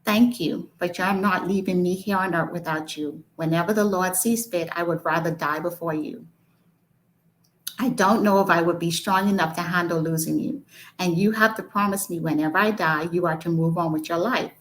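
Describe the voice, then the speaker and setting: A tender, devoted pastor in his early forties speaks to his wife, as a woman reads his lines aloud. The voice sits low and stays close to plain reading. It is a calm storybook read-aloud. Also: normal speed, lightly acted, low-quality recording. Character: loving pastor husband, man around forty.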